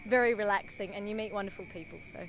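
A woman's voice: medium pitch, fast, rough recording. A woman from Australia, chatty and enthusiastic in a vox pop interview. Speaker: festival-goer. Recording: music playing behind.

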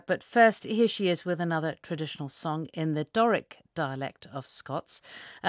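A woman with a low-pitched voice presents a music show on the radio. She delivers scripted introductions and links as the host. The sound is dry, with very little room around it. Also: no room sound.

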